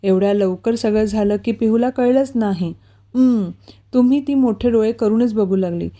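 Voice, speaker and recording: A woman narrating a romantic story in a Marathi accent, reading the dialogue in a slightly higher voice. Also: moderate pace, dark tone.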